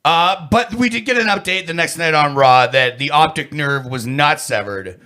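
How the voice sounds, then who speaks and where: A man's voice: fairly high pitch, moderate pace, pushed and bright. A man co-hosting a podcast, telling a story in casual, profane chat. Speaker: podcast co-host.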